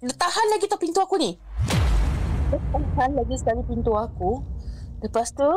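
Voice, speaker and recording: Higher-pitched woman telling a story. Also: moderate pace, noisy background. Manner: lively, acts out the other people's lines, mixes in English phrases. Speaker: guest sharing a ghost story. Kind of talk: casual storytelling.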